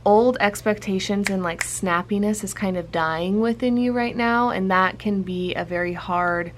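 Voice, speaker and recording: A woman's voice: mid-range voice, normal speed. A woman speaking as a fortune teller, giving an unscripted tarot reading straight to the listener in a reassuring manner. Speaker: tarot card reader. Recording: clear background noise and ambience.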